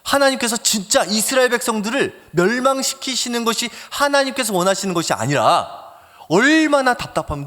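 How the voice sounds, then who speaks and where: In a church sanctuary with long reverb, a pastor with a high-sitting voice preaches a lively, animated sermon. He swings between loud emphasis and soft near-whispers, acting out quoted phone conversations as he tells a story.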